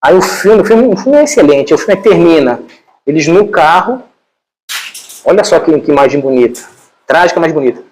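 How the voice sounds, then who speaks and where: A Brazilian man with a slightly high voice lectures informally. He retells a film to his listeners in animated, colloquial storytelling, leaning on repeated fillers. His Portuguese accent is plainly Brazilian. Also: normal speed, slight background noise, poor audio.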